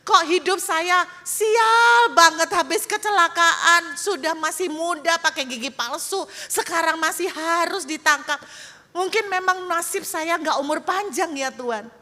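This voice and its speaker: A woman preacher acts out a desperate young missionary, caged and crying as he complains to heaven. His voice is raised high and bright with grief, and the pleading carries into the long echo of a church hall. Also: unhurried, exaggerated voice. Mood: despairing plea. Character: despairing young male missionary praying in a cage.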